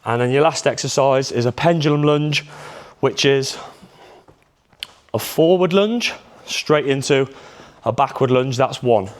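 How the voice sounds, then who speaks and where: A man's voice: medium pitch, a little slow, pauses often. Slightly breathless fitness coach man. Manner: upbeat, coaching cues, counting reps. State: a little out of breath. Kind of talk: workout instruction. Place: outdoors in a hot holiday spot.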